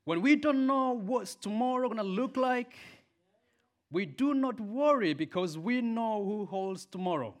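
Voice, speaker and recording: A man with a high, expressive voice preaches and leads a prayer in an unhurried way. A native Swahili speaker, he swings between loud emphatic peaks and soft quiet lines.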